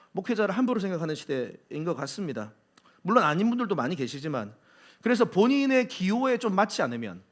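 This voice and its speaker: Brief: male preacher, animated sermon delivery, joking asides, high-pitched voice. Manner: animated, acts out quotes; jokes with congregation. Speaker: pastor.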